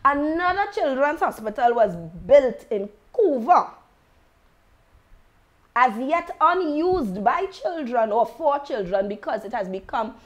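A young Trinidadian woman with a high voice, ranting straight to camera. She is blunt and sarcastic and slides between creole and proper English. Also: animated, slow, lo-fi sound. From Trinidad and Tobago. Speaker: commentator.

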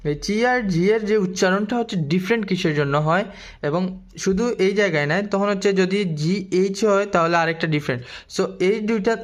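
A man teaching a language lesson, mixing in English phrases and repeating syllables slowly for drilling. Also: high-pitched. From Bangladesh. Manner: mixes English phrases into explanations.

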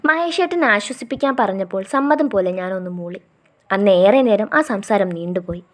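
A woman reading a first-person romantic story aloud in a soft storytelling way. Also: medium pitch, brisk. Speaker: story narrator.

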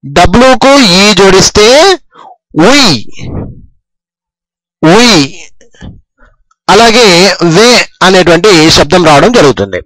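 Lively high-voiced male English teacher. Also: no echo, poor audio. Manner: slow, repetitive dictation, stressing each sound. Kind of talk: phonics lesson explained in Telugu.

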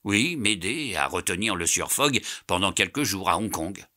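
A man reading an audiobook, voicing a secretive police detective who speaks in a low, confiding, insistent way. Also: expressive, normal speed, sharp tone, slight background noise. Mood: persuasive.

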